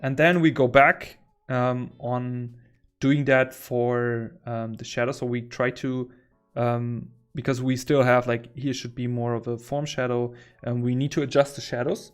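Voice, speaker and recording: A man's voice: medium pitch, flat delivery, a little slow, clean tone, soft background music. A man chatting casually on a livestream while he draws, rambling and easily amused. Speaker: artist streaming while drawing. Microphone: headset.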